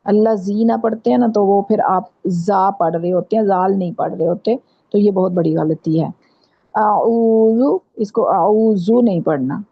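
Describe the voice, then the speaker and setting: A woman with a Pakistani Urdu accent teaching Quran pronunciation in an online class, patiently repeating letters slowly to demonstrate. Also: medium pitch, slightly rough. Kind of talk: online tajweed lesson. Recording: dull lo-fi online class audio.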